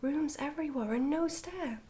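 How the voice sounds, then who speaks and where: Softly and with care, a woman narrates a story for ASMR in a slightly high, breathy whisper, keeping every word quiet and gentle. Her speed is normal for this book reading.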